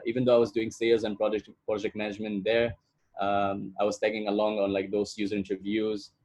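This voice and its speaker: A man's voice: on the low side, a little mellow. A young man from Egypt giving an online presentation as a product manager, talking casually with many fillers like "uh" and "like".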